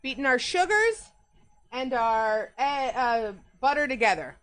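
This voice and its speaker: A high-pitched woman with a Long Island accent talks to her viewers as she bakes. She chats casually, greets people by name and wanders into rambling asides between steps. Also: expressive, a little slow, a bit bright. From New York. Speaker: livestreamer baking on stream. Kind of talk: casual chat while baking.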